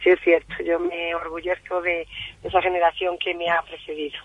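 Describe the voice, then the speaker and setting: A woman's voice: lowish voice, completely flat delivery, brisk, dry recording. A woman calling in as a guest on a radio show over the phone. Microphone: telephone. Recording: thin phone line.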